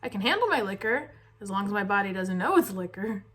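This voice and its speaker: A woman's voice: mid-range voice, expressive, fast talker, a bit bright, husky. A young adult woman chatting casually to viewers as a makeup vlogger, blunt and self-deprecating.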